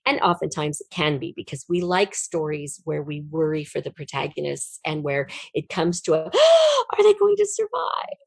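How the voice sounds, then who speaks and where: A woman who is a writer appears as an interview guest, explaining her own method in an animated, conversational storytelling way and voicing questions and thoughts aloud. Her low voice is very animated, creaky and slightly rough, at a moderate pace with no echo.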